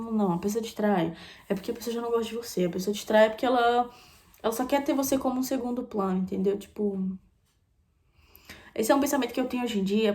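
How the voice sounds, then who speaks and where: A young woman from Brazil chatting candidly in a casual vlog, repeating phrases and dropping into soft asides. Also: fairly high pitch. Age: young adult. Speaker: vlogger. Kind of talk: casual confessional chat.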